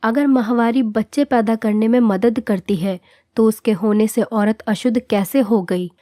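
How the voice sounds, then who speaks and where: A modern young wife talks her point through in a calm, reasoning way, voiced by a woman narrator. Her tone is soft and mellow, recorded dry and close. It is a storybook reading. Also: on the high side, a little slow, dry recording, natural voice.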